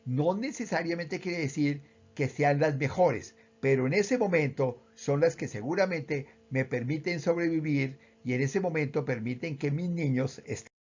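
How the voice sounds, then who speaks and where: A man with a Colombian accent, calmly explaining how emotions work with everyday examples. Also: on the high side, moderate pace, hardly any pauses, muffled recording. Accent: Colombian Spanish. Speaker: speaker on emotional education. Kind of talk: explanatory talk.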